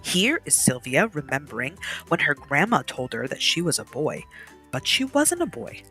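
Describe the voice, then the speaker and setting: Reading a kids' picture book in a lively storytime style, a low-pitched woman breaks off at times to talk about the pictures, with gentle music underneath.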